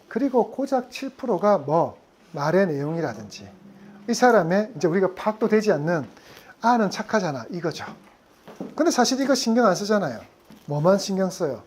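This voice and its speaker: A woman's voice: medium pitch, darkish tone, slight background noise. A woman lecturing on insurance sales, often putting questions to her audience. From Gyeongsang region. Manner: asks the audience frequent questions. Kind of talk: lively classroom lecture.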